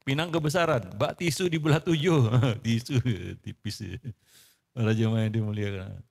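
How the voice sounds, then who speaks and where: A man's voice: medium pitch, moderate pace, darkish tone. A man giving a casual sermon to a congregation, bantering, quizzing his listeners and laughing often. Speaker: preacher. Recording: long reverb of a hall.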